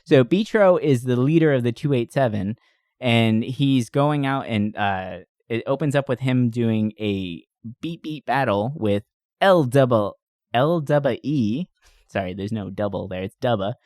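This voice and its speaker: A young podcast host speaks close to the mic in a very dry recording with no room sound, giving a casual, comic movie recap. His animated delivery is packed with slangy asides and swearing, at a medium pitch and measured pace.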